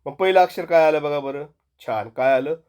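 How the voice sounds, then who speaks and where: A man, a primary school teacher, giving a slow, patient recorded lesson to young children and drilling them to repeat sounds after him. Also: a little high, a little mellow, clean tone. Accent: Marathi.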